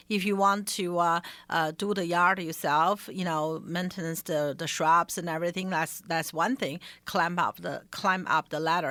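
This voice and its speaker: A woman's voice: lowish voice, bright, forceful tone, no room sound. A woman with a Chinese accent co-hosting a radio show, who speaks emphatically and repeats her main points. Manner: emphatic, repeats key points, non-native grammar. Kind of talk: casual radio talk. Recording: dry studio sound.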